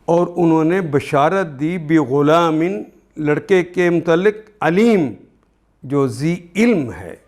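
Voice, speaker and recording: An older man with a Pakistani Urdu accent, teaching a Quran translation lesson, explaining each word slowly and repeating terms. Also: on the high side, animated, darkish tone.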